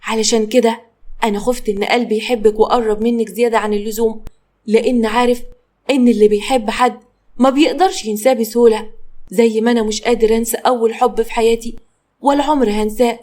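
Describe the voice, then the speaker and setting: A woman voicing a gentle young man with an Egyptian accent, soft and consoling. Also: on the high side, fairly even intonation, fast talker, close to an everyday voice. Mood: tender.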